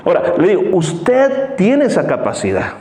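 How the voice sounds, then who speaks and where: Echoey pastor preaching. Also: male voice, sits high, huge pitch swings, moderate pace, dark tone. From El Salvador. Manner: storytelling, acts out voices in anecdotes. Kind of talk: sermon. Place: church hall.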